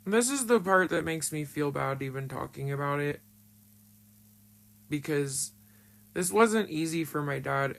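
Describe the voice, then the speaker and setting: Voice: medium pitch, gravelly, a bit bright. A speaker with a disguised voice tells a story from their own past in casual spoken style. They talk bluntly and frankly, with frequent swearing. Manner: blunt and frank, swears often, emotional retelling.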